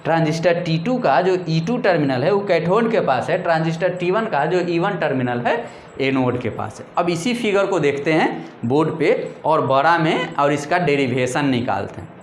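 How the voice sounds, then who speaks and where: A man's voice: a little high, lively intonation, reverberant, slight background noise. A male teacher gives a classroom lecture, asking questions and answering them himself. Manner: drills terms slowly, stretching single words. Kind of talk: classroom lecture in mixed Hindi and English.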